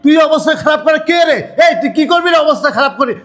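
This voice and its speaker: Guy doing angry husband from a short film, shouting, taunting, high voice jumping all over. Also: sing-song, normal speed, very noisy. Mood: furious. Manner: shouting, taunting, repeated "ei" interjections. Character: angry man posing as sweeper, the returned husband. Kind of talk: melodramatic short film acting.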